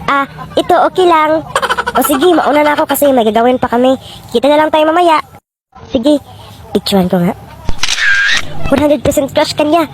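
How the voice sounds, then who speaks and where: A woman's voice: high-pitched, brisk, noisy background. A woman acting out short comic skits, switching between many character voices in playful, bickering exchanges.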